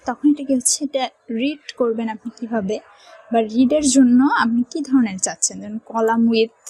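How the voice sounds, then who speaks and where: A woman's voice: a little high, a little mellow, husky, dry recording, low-quality recording. A woman with a Bangladeshi Bengali accent teaching a computer tutorial, explaining each step and often checking that the viewer is following. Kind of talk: screen-recorded software tutorial.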